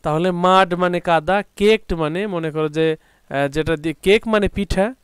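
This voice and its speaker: A man teaching an English vocabulary lesson, spelling words out and repeating them slowly. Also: high-pitched, clean tone, dry recording. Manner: slow, drawn-out pronunciation drills.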